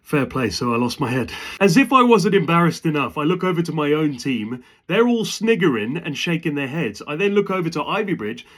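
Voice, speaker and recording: Lively, self-mocking male storyteller. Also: a little high, a little fast, hardly any pauses. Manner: lively, self-mocking, bursts into loud whoops. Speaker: rugby channel host. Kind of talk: animated storytelling to camera.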